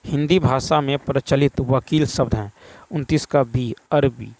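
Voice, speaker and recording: Gravelly-voiced male teacher, dry sound. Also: medium pitch, measured pace, no room sound. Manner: steady, explanatory, reads a question then gives the answer. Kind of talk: exam paper discussion lesson.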